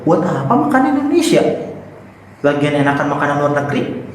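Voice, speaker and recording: A man's voice: fairly high pitch, sing-song, brisk, a little hiss or hum. A man acting out a spoiled, boastful rich young man who talks in a snobbish, dismissive way. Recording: echoey room with long reverb.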